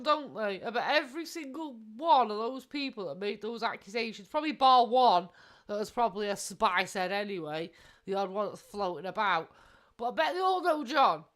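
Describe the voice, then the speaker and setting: A woman co-hosting a livestream, chipping in with blunt, sweary, mocking remarks and greeting viewers. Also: a little high. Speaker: livestream co-host. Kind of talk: casual livestream banter.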